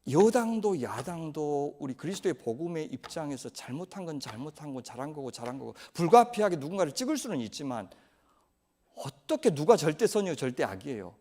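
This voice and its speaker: A man's voice: fairly high pitch, brisk. A male pastor preaching a sermon, keeping the congregation engaged by throwing questions at them. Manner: animated, quizzes the congregation with questions.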